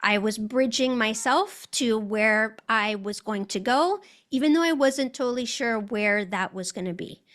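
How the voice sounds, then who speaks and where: A woman's voice: on the high side, measured pace, hardly any pauses, a bit bright. A woman with an American accent, a guest telling her story in an interview, articulate and reflective.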